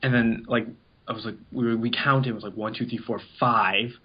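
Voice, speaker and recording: Speaking fairly quickly at a medium pitch, a man with a breathy edge and cut-off highs holds an even tone as an interview guest. An amateur voice actor from an abridged anime series, he rambles informally through anecdotes and performs the lines people said.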